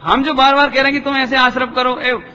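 A man's voice: very high-pitched, level tone, brisk, sharp tone, heavily acted. A man voicing a patient motherly figure of scripture who chides with repeated questions, in a lecture hall with dull sound. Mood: chiding.

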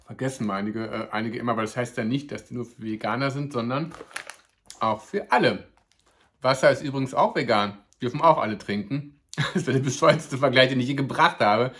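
Addressing viewers as "ihr Lieben", a food vlogger gives a chatty, upbeat snack review to camera and jokes playfully about their own pronunciation. The voice is medium-pitched, a bit bright and fairly quick.

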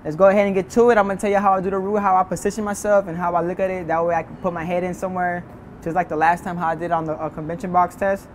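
A man's voice: high voice, flat delivery, rapid-fire, a little hiss or hum. Laid-back young man explaining welding. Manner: laid-back, rambling, many fillers like "you know" and "like". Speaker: welding instructor. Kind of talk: casual instructional voice-over.

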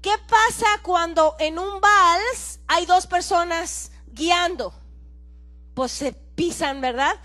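A woman pastor. She is animated and playful, acting out little dialogues and breaking into shouts as she mimics people. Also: very high voice, slow pace. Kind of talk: lively sermon. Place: church.

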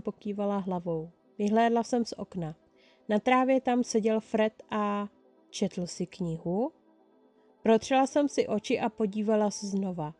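Woman reading a story, dark mellow tone. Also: mid-range voice. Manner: lively first-person storytelling. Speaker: fan-fiction reader.

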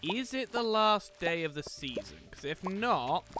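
A man's voice: sits high, lively intonation, a little slow, sharp tone, soft background music. A man giving casual let's-play commentary on a farming game, thinking aloud with lots of fillers. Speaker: gaming commentator.

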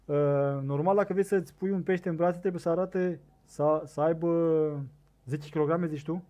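A young man with a Romanian accent giving casual commentary on a fishing game, excitable and talking to his viewers, on a desk microphone set too loud. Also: fairly high pitch. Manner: excitable, shouts bursts at the game, talks to viewers. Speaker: gaming streamer.

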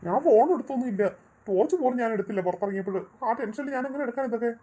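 A woman's voice: fairly high pitch, rapid-fire, warm tone, natural voice. A woman voicing an anxious father searching for his daughter in a cartoon, calling out and worried. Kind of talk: cartoon voice acting.

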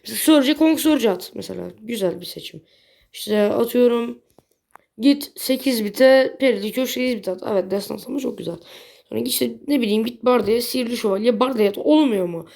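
Blunt and quick to frustration, a young woman comments casually on a mobile game she's playing for a gaming video, lightly swearing at her bad luck. She talks fairly quickly in a fairly high, gravelly voice with a darkish tone.

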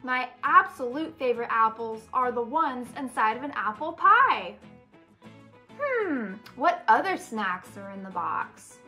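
A woman's voice: fairly high pitch, expressive, measured pace, hardly any pauses, bright, forceful tone, soft background music. A woman in a lesson for young children, chirpy, exclaiming and musing aloud. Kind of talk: educational lesson for young kids.

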